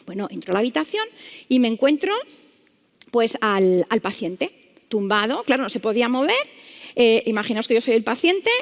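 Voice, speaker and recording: A woman's voice: a little high, normal speed, creaky. A woman doctor, telling a clinical anecdote to an audience and acting out the voices in it. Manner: lively anecdotal storytelling, acting out dialogue. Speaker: palliative care doctor. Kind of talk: storytelling talk to an audience. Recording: long hall reverb.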